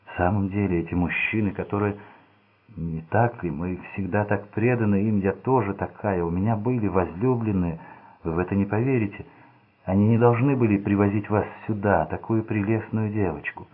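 A man's voice: fairly low pitch, moderate pace, husky. A man reading the lines of a fussy, anxious, kindly aging bearded lady who rambles and gushes, in a storybook. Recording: phone-like narrow band.

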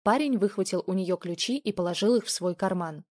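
A woman narrating a dramatic relationship story in a measured reading voice. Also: medium pitch, darkish tone.

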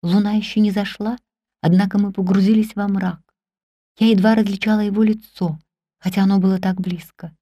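Woman audiobook narrator: measured, mellow, dry close-mic read. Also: mid-range voice, little pitch movement, dry recording. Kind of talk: scripted first-person novel narration.

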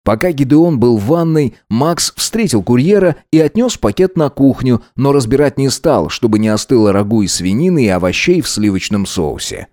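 A man's voice: mid-range voice, animated, normal speed, hardly any pauses, darkish tone, dry recording. Man narrating an audiobook, dry close sound.

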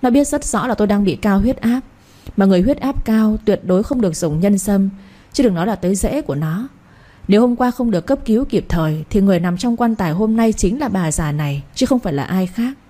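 A woman's voice: medium pitch, lively intonation, fairly quick, warm tone, lightly acted. A woman voicing a commanding, scolding old grandmother who rules the family, in an audio story. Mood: stern. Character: stern imperious old grandmother, family matriarch.

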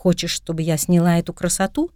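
A woman's voice: fairly low pitch, brisk, no room sound, studio quality, lightly acted. A woman voicing a witty, mischievous young woman in an audiobook. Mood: playful. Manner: lively, wry, chatting to her cat.

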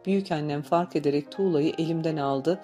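A woman reading a novel aloud as an audiobook narrator, in calm, measured storytelling. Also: low-pitched, soft background music. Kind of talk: scripted narration.

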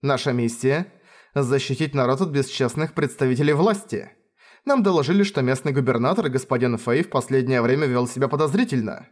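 A man's voice: mid-range voice, a little fast, lightly acted. A man voicing a stern young woman officer who speaks in a cold, clipped way. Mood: cool.

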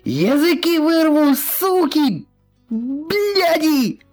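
A man's voice: medium pitch, lively intonation, normal speed, soft background music, voice pushed up. A man reading an audiobook, voicing a hot-tempered old male war captain who blusters and shrieks. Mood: furious.

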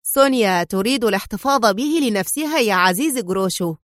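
Woman voicing calm, mocking Don Carlo. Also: medium pitch, fairly quick, no room sound, studio quality, lightly acted. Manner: calm, sarcastic. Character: mocking, cold, menacing male Sicilian crime lord.

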